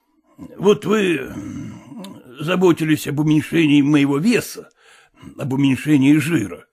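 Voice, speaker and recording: A man's voice: a little high, measured pace, creaky, a little mellow, slightly rough, exaggerated voice. A man voicing an agitated, apologetic middle-aged merchant father who rambles and pleads in a storybook reading. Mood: flustered.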